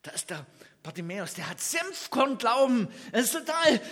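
Man, preacher from east germany, high husky voice, animated sermon, acts out scenes, church hall reverb. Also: normal speed. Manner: animated, acts out Bible scenes and asks listeners questions. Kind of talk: lively sermon.

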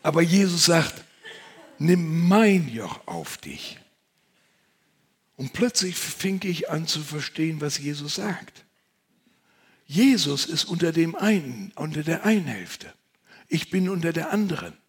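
A man preaching a sermon in a conversational, confiding way, dropping to near-whispers and rising to loud emphasis. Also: a little high, expressive, moderate pace, husky. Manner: conversational, confiding, swings between hushed and loud.

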